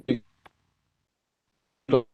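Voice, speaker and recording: A student in an online class speaks slowly and haltingly, repeating words, over a video call whose audio keeps cutting out. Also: phone-quality sound, slight background noise. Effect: choppy, breaking-up video call audio.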